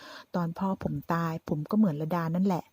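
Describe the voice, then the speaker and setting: A woman's voice: on the low side, brisk, a little mellow, breathy edge, dry recording. Woman reading a confident young policeman. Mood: earnest.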